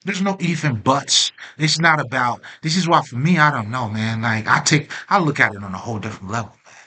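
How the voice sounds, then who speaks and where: A man's voice: medium pitch, brisk, bright, forceful tone, breathy edge. A man hosting a self-help channel, talking in a rambling, streetwise way with lots of slang and fillers, laughing often and openly emotional. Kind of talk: casual spiritual monologue.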